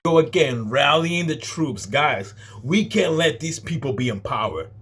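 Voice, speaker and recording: A man with a high, husky voice reacts to a clip, exasperated and firing rhetorical questions. His pitch swings widely, yet his pace stays slow and deliberate. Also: expressive, a bit bright. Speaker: reaction video host. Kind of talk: profane reaction commentary.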